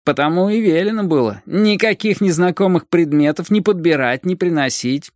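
A man's voice: fairly high pitch, dry recording, clean studio sound, pitched above the performer's own voice, close to an everyday voice. A man playing a stern teenage gang boss. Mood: lecturing. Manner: measured, lecturing. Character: hard, calculating teenage gang leader.

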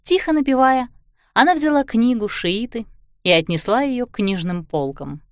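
A woman reads a story aloud with an animated, widely moving voice that keeps the scenes vivid. The sound is dry and close, with no room around her. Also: a little high, normal speed, no room sound. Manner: expressive storytelling. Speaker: narrator. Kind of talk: scripted narration.

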